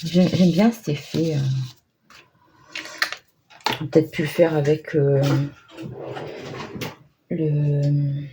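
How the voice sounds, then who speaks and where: A woman's voice: low-pitched, steady tone, slow, long pauses, noisy background. A woman with a northern French accent demonstrating a craft project in a chatty, hesitant way, with many fillers. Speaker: crafting tutorial host.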